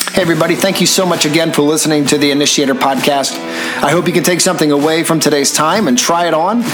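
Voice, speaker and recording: Earnest, encouraging male podcast host. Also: fairly high pitch. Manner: earnest and encouraging, often repeats and restarts phrases; addresses listeners directly as folks. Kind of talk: solo podcast monologue.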